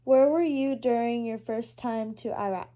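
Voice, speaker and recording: A woman's voice: on the high side, moderate pace, warm tone. Young woman reading interview questions. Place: her uncle's house. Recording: poor quality home recording.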